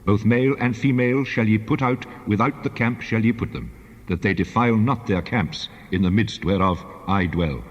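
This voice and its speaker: An actor playing God as a solemn, commanding deity, pronouncing law in a measured, authoritative way in a dramatized scripture reading. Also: male voice, fairly low pitch, close to an everyday voice. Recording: long hall reverb, dull band-limited sound.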